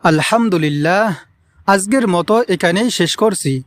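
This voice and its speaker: A man's voice: sits high, moderate pace, no room sound. A man teaching careful pronunciation of an Arabic prayer, patiently repeating words and stretching out the long vowels for learners. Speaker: Quran recitation teacher. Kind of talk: slow pronunciation lesson with drawn-out Arabic recitation.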